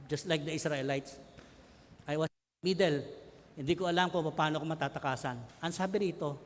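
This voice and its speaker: A male pastor preaching a sermon, swinging between hushed, low passages and loud cries. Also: in a large hall. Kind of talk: Taglish sermon.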